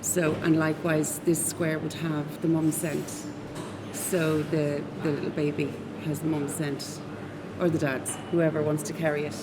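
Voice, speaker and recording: A woman's voice: low-pitched, little pitch movement, measured pace, heavy background noise. A woman with an Irish accent, explaining her group's work in a casual interview. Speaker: knitting group activist.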